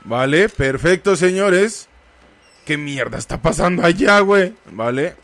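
A man with a Mexican Spanish accent giving casual let's play commentary, excitable and cursing, breaking into yells. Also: high voice, unhurried. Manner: excitable, swears, bursts into yells. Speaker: gaming streamer.

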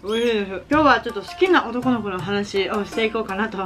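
A woman's voice: medium pitch, quick pace, fairly bright tone. A young woman with a Kansai accent, chatting casually and giggling as she eats at the table for her vlog. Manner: chatty and giggly, self-deprecating. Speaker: vlogger. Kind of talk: casual chat while eating. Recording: background music under the voice.

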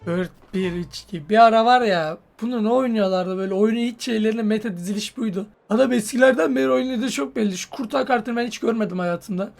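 A man giving casual, joking commentary on a football game he is playing, yelling at his players. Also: high voice, quick pace, creaky, few pauses, faint music behind. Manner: excitable, joking, swears and yells at players. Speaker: mobile football gamer.

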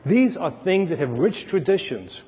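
Speaking at a podium in a lecture hall's large dark stage, a middle-aged Brooklyn-born Jungian analyst delivers a conference talk full of emphatic stories and hand gestures. His slightly high, breathy voice has big pitch swings, a moderate pace and a darkish tone. A clip-on lapel mic gives dull, lo-fi audio washed in long hall reverb.

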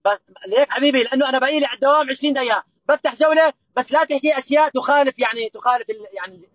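High-pitched, quick older man, Levantine accent. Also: fairly bright tone, no room sound. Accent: Levantine Arabic. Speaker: livestream guest sheikh. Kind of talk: livestream banter.

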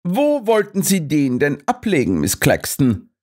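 A man doing a lively, self-assured master detective. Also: on the high side, unhurried, slightly rough, pitched above the performer's own voice, full character voice. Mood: lecturing. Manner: lecturing, triumphant.

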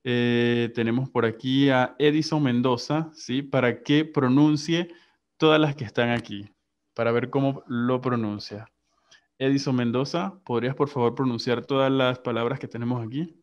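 A man's voice: medium pitch, fairly even intonation, moderate pace. A man teaching an online English class in Spanish and English, patiently repeating vocabulary and calling on students. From Latin America. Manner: patient, repeats and drills words aloud. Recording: muffled online class audio.

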